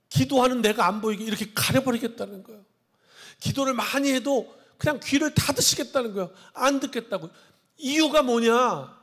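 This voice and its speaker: A man's voice: high voice, fairly bright tone. A man preaching a sermon as a pastor, reading scripture aloud and then explaining and exhorting the congregation. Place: church sanctuary. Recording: long hall reverb.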